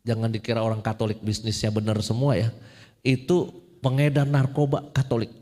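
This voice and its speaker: A man's voice: mid-range voice, level tone, fairly quick, warm tone. A man preaching a casual, joking sermon as a priest, slipping in English phrases. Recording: long hall reverb.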